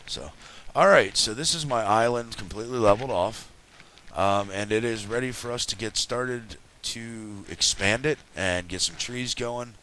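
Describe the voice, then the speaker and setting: The audio is poor, with a faint hiss, as a just-awakened let's play host offers relaxed, casual commentary on a game early in the morning. His low voice is raspy but bright and forward, and he moves at a moderate pace, rambling and correcting himself as he chats.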